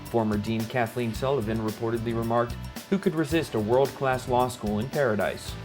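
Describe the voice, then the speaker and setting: A man's voice: mid-range voice, fairly quick, music in the background. A man narrating a school profile in a polished, informative scripted delivery. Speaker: narrator and interviewer.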